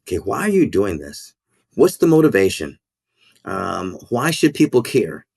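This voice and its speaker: A man's voice: fairly low pitch, big pitch swings, creaky, a little mellow, husky, dry recording, clean studio sound. A man who is a school principal and minister, speaking in a podcast interview in an earnest, reflective way that halts and repeats words. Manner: halting, repeats words while thinking.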